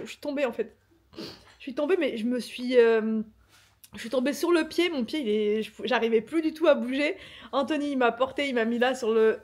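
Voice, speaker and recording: A young woman vlogging in a casual, chatty way, laughing as she complains. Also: fairly high pitch. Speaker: family vlogger. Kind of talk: casual vlog chat.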